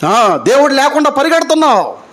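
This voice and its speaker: High-voiced man preaching a sermon. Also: sing-song, fairly quick. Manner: asks the congregation repeated rhetorical questions; swings between loud high emphasis and low quiet lines. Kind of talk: live church sermon.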